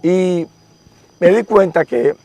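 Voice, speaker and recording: A young man being interviewed shares the story of his conversion, an emotional, earnest testimony told casually and with much repetition. He speaks slowly in a high, creaky voice with a dark tone.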